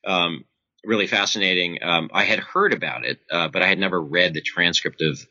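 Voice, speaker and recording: A low-pitched man answers interview questions in a measured, scholarly way, pausing often mid-thought. His tone is strikingly crisp-edged and forceful, on a dry but slightly dull recording. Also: no room sound. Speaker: interviewed author and foreign policy scholar.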